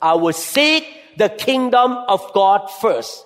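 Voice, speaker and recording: A man's voice: very high voice, very animated, very slow, a bit bright. An older man with a Thai accent giving a sermon testimony in a church hall, speaking in short, emphatic phrases.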